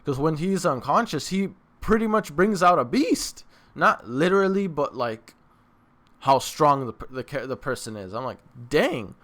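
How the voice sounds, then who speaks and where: A man running an anime reaction channel rambles to his viewers in casual slang, often repeating himself for emphasis. His pitch is fairly high and his delivery animated, at a moderate pace, with a slightly bright sound.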